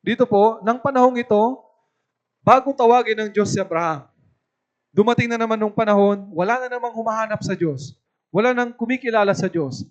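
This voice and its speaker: A man from the Philippines preaching at a youth camp as an evangelist, lively and often asking his listeners for agreement. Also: high-pitched, muffled recording. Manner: lively, asks the audience "tama po ba" often.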